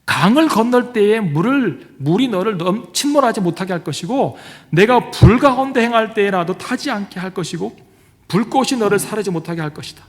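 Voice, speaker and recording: A man preaching a sermon as pastor, emphatic, questioning his congregation and dropping to hushed whispers for effect. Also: sits high, expressive, fairly quick, long reverb tail. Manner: emphatic, swings from loud declarations to hushed whispers; asks the congregation questions, tells family stories. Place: church.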